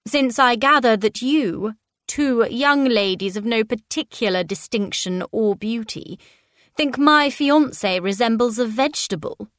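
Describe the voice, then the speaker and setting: Woman playing a bored, drawling society lady, slow and disdainful. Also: on the high side, a bit bright, no room sound, clean studio sound. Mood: haughty. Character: haughty aristocratic lady, bored and cold.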